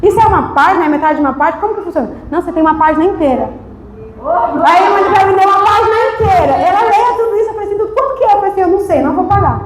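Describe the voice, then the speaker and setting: A woman's voice: very high-pitched, very fast, roomy sound, slight background noise, low-quality recording. A woman deaconess from Brazil, giving a testimony sermon and acting out conversations as she tells the story. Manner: animated storytelling, acting out dialogue. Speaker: deaconess preaching. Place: church service.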